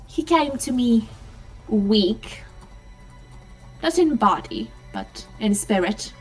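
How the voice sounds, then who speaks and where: Woman putting on a slow, gloating old hag. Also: mid-range voice, low-quality recording. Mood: scornful, gloating. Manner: slow, theatrical, gloating storytelling. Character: proud, scornful old hag reading her cunning journal. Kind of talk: dramatic in-character reading in a tabletop game.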